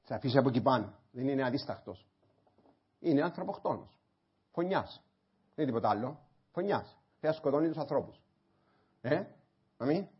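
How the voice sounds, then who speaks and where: A man preaching a sermon as pastor in a church, moving between quiet explanation and passionate shouting. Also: medium pitch, animated, pauses often, husky. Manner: impassioned, swings from quiet talk to shouting. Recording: dull lo-fi sermon recording.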